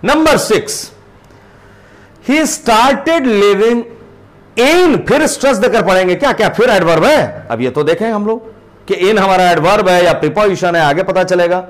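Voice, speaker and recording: A man teaching English grammar in Hindi, with an Indian English accent. He repeats example sentences slowly and puts heavy stress on key words. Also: high voice, lively intonation. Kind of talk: spoken grammar lesson.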